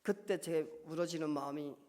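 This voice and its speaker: A pastor from North Korea tells his own story from the pulpit, earnest and at times rising to impassioned cries. His voice sits a little high for a man. A long church-hall reverb trails every phrase. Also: moderate pace, darkish tone. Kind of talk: testimony sermon. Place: church sanctuary.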